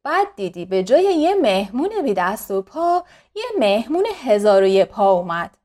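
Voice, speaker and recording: A woman voicing a kindly old grandfather millipede with a cane, talking slowly, gently and teasingly. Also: mid-range voice, sing-song, natural voice.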